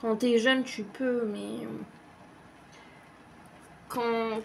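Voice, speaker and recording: A woman's voice: fairly high pitch, fairly even intonation, extremely slow, creaky, a little mellow, slight background noise. A woman vlogger chatting casually as she answers tag questions, rambling and hesitant with lots of fillers and the odd swear word. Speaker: craft vlogger.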